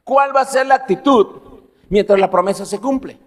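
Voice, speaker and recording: A man's voice: sits high, normal speed. A man preaching a sermon as pastor, telling personal stories and asking the congregation questions. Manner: animated, laughs at own stories, asks the congregation questions. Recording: long hall reverb.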